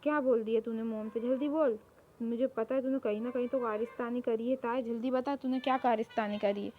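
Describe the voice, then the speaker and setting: A woman's voice: fairly high pitch, steady tone, a little fast, dull audio, slight background noise, lightly acted. A woman voicing a teasing, protective young man who scolds his best friend in a spoken fan story. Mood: pushy. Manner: scolding, bossy.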